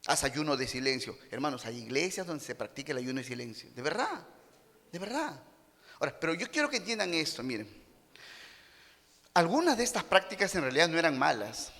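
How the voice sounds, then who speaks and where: Animated pastor with a gravelly voice. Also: male voice, on the high side, brisk, long reverb tail. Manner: animated preaching, acting out quoted people in character voices; punchy boxing-style exclamations. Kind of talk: sermon. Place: church sanctuary.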